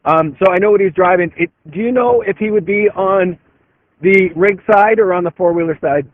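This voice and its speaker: A man's fairly high voice comes through a tinny CB radio, thin and squeezed like a phone line, with no room sound around it. He talks casually in trucker CB radio style and calls other drivers by their handles. His delivery is easygoing and unhurried. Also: no room sound. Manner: relaxed, calls out handles over the channel. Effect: tinny CB radio transmission. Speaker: convoy participant on the radio channel. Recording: tinny narrow-band radio, dry.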